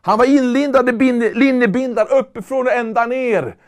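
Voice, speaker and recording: A man preaching a sermon in an earnest, emphatic way, at times rising to loud calls. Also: very high-pitched.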